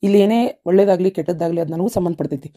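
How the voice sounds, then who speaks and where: A woman's voice: lowish voice, warm tone, natural voice. A woman voicing an earnest, devoted young husband in a cartoon, with a North Karnataka Kannada accent. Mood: reassuring. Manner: fast and earnest.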